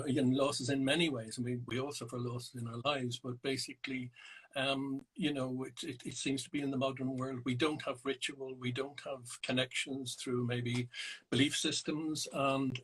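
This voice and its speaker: Over a video call with poor audio, a middle-aged Irish psychotherapist and naturalist answers interview questions slowly and thoughtfully, hesitating with frequent ums, pauses and restarted sentences. His medium-pitched voice is bright and forward, with a husky, slightly breathy grain.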